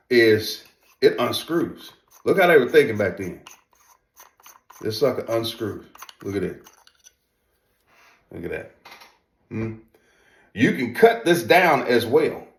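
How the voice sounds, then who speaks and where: Reviewing duck calls, this male presenter speaks slowly at medium pitch, with an expressive voice and long pauses. He keeps it informal and folksy, repeating phrases emphatically as he demonstrates, in a room with noticeable echo.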